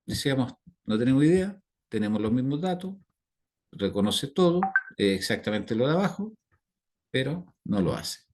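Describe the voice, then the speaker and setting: A man's voice: mid-range voice, sing-song, normal speed, a little mellow, a little hiss or hum. A Chilean man teaching an online class over a video call, rambling with fillers and constantly checking in with his students. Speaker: instructor.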